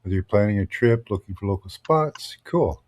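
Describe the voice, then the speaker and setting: A man's voice: fairly low pitch, animated, fairly quick, a little mellow. An easygoing man chatting casually and reading bits of information aloud. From Ontario, Canada. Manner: easygoing, laughs along, reads info aloud. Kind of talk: casual chat.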